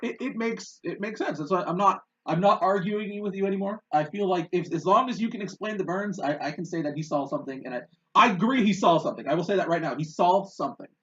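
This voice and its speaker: A man's voice: high-pitched, fast talker, hardly any pauses. Man, podcast co-host, rambling storyteller, laughs often, dull lo-fi sound. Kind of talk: casual chat.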